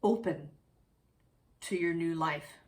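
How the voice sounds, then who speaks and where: A woman's voice: lowish voice, slow pace, a little mellow. A woman giving a casual, reflective tarot reading, musing aloud and correcting herself as she goes. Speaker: tarot reader.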